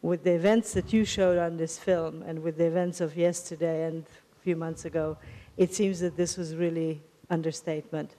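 A woman's voice: deep voice, steady tone, normal speed, dark tone. A woman in her fifties, a professor on a university panel, explaining her points emphatically into a handheld mic. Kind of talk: panel discussion remarks. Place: lecture hall stage panel. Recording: long hall reverb.

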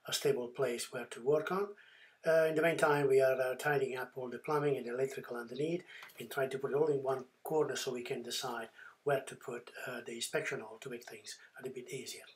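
Man narrating a boat refit, halting. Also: medium pitch. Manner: halting, many fillers and restarts. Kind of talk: casual voice-over narration.

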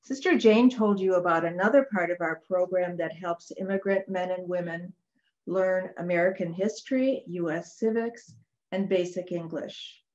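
Older woman reading calmly on a video call. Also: on the low side, moderate pace, dull audio. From Chicago, Illinois. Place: small home office with bookshelves. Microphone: webcam on a video call.

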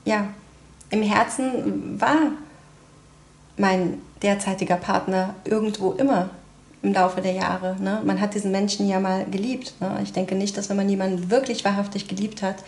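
A woman's voice: mid-range voice, fairly even intonation, normal speed, a little mellow, reverberant. A woman giving a casual tarot card reading, talking chattily with many tag questions and fillers. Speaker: tarot reader.

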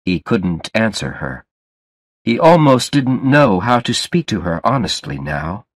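Slow, deliberate male story reader. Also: on the low side, very animated, dry recording. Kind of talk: scripted story narration for learners.

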